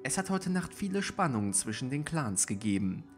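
A man voicing a serious, commanding she-cat clan leader who speaks gravely in a storybook reading. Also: medium pitch, big pitch swings, soft background music, natural voice. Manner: grave, measured.

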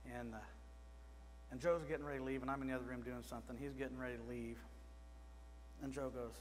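A man's voice: medium pitch, fairly even intonation, fast. A middle-aged man preaching a sermon in a small church, speaking conversationally and putting questions to the congregation from the pulpit. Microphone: pulpit microphone. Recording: reverberant church with faint mains hum.

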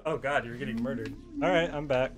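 A man co-hosting a gaming video, chatting casually during co-op play, excitable and quick to laugh and shout. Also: medium pitch, noisy background. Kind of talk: casual co-op gameplay banter.

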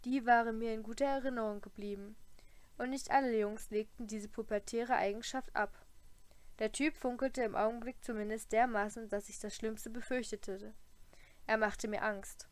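A woman reading a first-person audiobook, with an expressive, dryly humorous storytelling manner. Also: fairly high pitch, normal speed, no echo. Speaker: audiobook reader.

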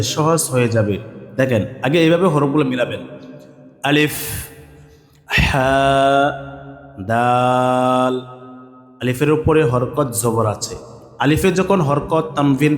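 A male Quran teacher drilling Arabic letters and vowel marks in a slow call-and-response lesson, asking questions and answering them himself. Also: fairly high pitch, roomy sound, in a large hall. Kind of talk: online Quran alphabet lesson.

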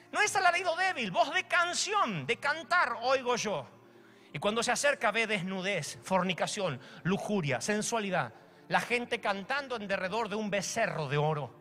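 A pastor with an Argentine accent preaches with theatrical flair, slipping into quick acted exchanges to make his point. His voice sits high for a man, bright and forceful. The delivery is dramatic and animated throughout. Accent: Argentine Spanish. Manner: dramatic preacher acting out dialogues with shifting voices. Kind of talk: sermon.

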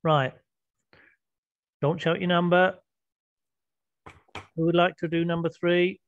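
A man's voice: a little high, level tone, slow pace, dull audio. A man teaching an online English class, patiently prompting students with questions over a video call.

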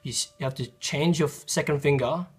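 A man teaching a casual piano tutorial, counting fingerings aloud in a loose, chatty way while getting sick and slightly hoarse. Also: fairly high pitch, fairly quick. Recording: loud piano music over the voice. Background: piano playing.

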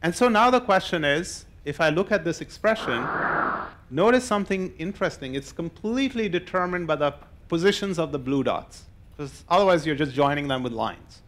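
On stage in an indoor lecture hall, an older man who is a mathematician and novelist gives an informal public lecture, explaining things conversationally and step by step. His voice is fairly high and expressive, at a moderate pace.

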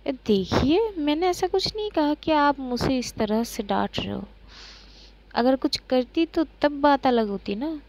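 A woman's voice: high-pitched, expressive, measured pace, voice pushed up. A woman doing Maisha, a playful flirty lover. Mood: protesting.

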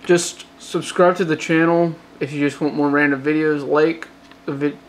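A man with a gentle Southern drawl from Georgia, speaking a little high for a man. He rambles through a casual late-night update, restarting sentences and leaning on fillers, sounding tired. Faint noise sits behind his voice. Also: fairly even intonation, normal speed. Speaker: hobbyist phone modder.

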